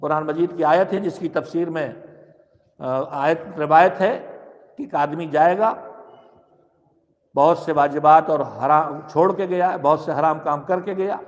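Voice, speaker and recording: A man, a cleric, delivering a religious address, exhorting his listeners with rhetorical questions and shifting emphasis. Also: a little high. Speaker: cleric giving a majlis address. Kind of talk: sermon. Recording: long hall reverb.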